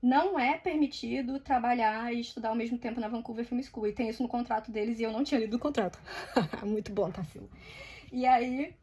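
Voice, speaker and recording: A Brazilian woman with a Brazilian Portuguese accent and a slightly high-pitched voice. She tells her story casually while drawing, chatty and quick to swear. She acts out the quoted lines as she goes. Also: darkish tone, breathy edge. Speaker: artist vlogger.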